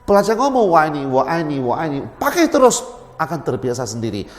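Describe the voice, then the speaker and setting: A man who runs and teaches at a language school, explaining his method, animated and repeating words for emphasis. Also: fairly high pitch, brisk. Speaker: Mandarin teacher and school head. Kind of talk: explaining in an interview. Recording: roomy with long reverb.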